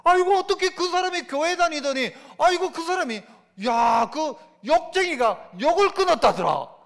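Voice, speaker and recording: A man acting out gossiping townsfolk who exclaim in loud amazement, heard in a reverberant church sanctuary. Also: extremely high pitch, expressive, moderate pace, voice pushed up, exaggerated voice. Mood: amazed gossip. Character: gossiping middle-aged male townsfolk, amazed.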